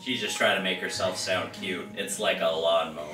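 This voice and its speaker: A man's voice: deep voice, fairly even intonation, brisk, sharp tone, far from the mic. A man chiming in on a casual vlog chat with blunt, teasing interjections. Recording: roomy, off-mic, music behind.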